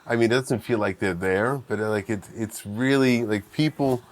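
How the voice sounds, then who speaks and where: A man's voice: mid-range voice, moderate pace. A man in his forties with a thick New York accent and a congested, nasal voice, chatting casually on a video call and rambling with lots of "like" and restarts. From New York City. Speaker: guest.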